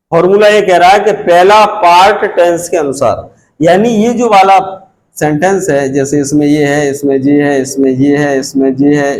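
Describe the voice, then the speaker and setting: A man's voice: sits high, low-quality recording. A man teaching an English grammar lesson, explaining step by step and repeating key phrases as he points to the board. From India.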